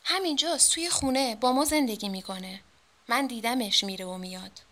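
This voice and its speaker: An earnest young painter lad, as a woman narrator puts him on, urgent and pleading, pitched high and bright. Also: natural voice.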